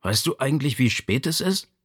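Brief: a man playing a calm, insistent adult son, lively intonation. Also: mid-range voice, moderate pace, husky, pitched above the performer's own voice.

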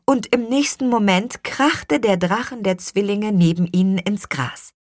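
A woman narrating a children's storybook in an expressive storytelling manner. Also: medium pitch, unhurried, no echo, clean studio sound. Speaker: audiobook narrator.

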